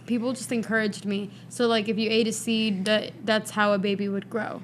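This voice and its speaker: A woman's voice: medium pitch, flat delivery, normal speed, slight background noise. A young woman co-hosting a casual chat show, sharing stories and making dry, wry remarks. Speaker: podcast co-host.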